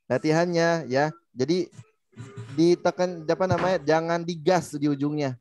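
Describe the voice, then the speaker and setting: A man's voice: fairly high pitch, fairly even intonation, moderate pace, a little mellow, soft background music. A man with an Indonesian accent teaching Quran recitation, patiently explaining and modeling sounds. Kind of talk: online tajwid lesson.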